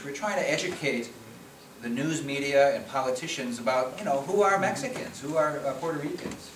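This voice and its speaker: A middle-aged man from the Chicago area giving a conversational presentation with slides, often restarting and repeating words. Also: medium pitch. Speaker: policy researcher giving a talk. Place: meeting room at a conference. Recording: echoey room from far off, noisy.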